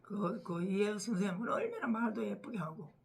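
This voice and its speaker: An older woman from Korea's Gyeongsang region, speaking with a Gyeongsang accent, is a vlogger and home caregiver chatting casually to camera at home over morning coffee. She teases her husband, laughs often, and sometimes drops to a soft murmur. Her voice is medium-pitched, sing-song, gravelly and a little fast.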